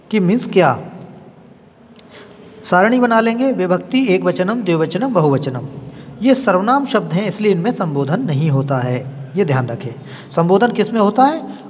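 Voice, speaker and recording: High-pitched man reciting a grammar lesson. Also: husky. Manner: slow, careful, drilling recitation. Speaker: Sanskrit grammar teacher. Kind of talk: classroom lesson, reciting word forms. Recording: dull, reverberant room sound.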